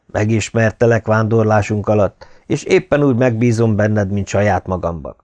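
A man voicing a stately young Inca ruler in an audiobook, speaking in a measured, formal way. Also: fairly low pitch, darkish tone, natural voice. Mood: solemn. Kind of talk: audiobook character reading.

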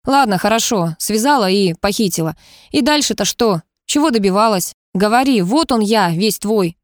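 A woman's voice: medium pitch, animated, moderate pace, no room sound, lightly acted. A cold, sarcastic male director voiced by a woman narrator barks short, biting lines in an audiobook. The voice sits mid-range and the sound is dry and close, with no room around it. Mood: irritated. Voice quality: sharp, sarcastic.

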